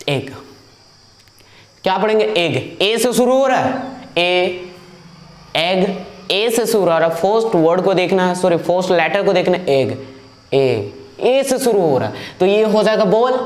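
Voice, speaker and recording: A man with a high-pitched voice delivers a classroom English grammar lesson on video, mixing English into his talk and drilling words repeatedly so students copy him. He scolds those who don't keep up, and the recording is reverberant.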